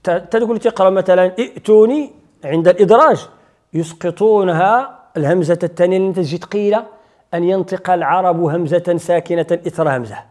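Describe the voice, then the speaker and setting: A man's voice: high-pitched, quick pace, darkish tone. A man with a Moroccan Arabic accent teaching Quran recitation rules. He explains step by step, puts questions to his students and recites short examples.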